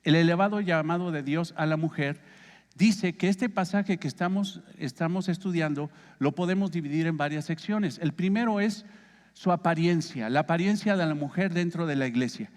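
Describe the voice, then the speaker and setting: A man's voice: fairly high pitch, normal speed, big-room sound. A man with a Mexican accent teaching a Bible study as pastor, conversational and asking his listeners questions. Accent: Mexican Spanish. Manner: conversational, asks the congregation questions.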